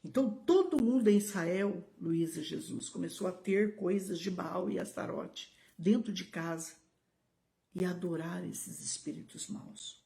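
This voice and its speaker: A middle-aged woman pastor with a Brazilian Portuguese accent preaching a live-streamed sermon, emphatic, with sudden high exclamations, speaking to viewers by name. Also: unhurried, gravelly, dark tone.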